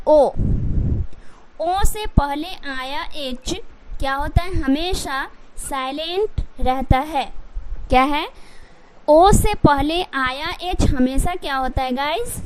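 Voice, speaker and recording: Female tutor, high pitch, drilling style, light noise. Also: slow pace. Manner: repetitive, drilling, asks and answers own questions. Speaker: English teacher. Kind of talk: Hindi English pronunciation lesson.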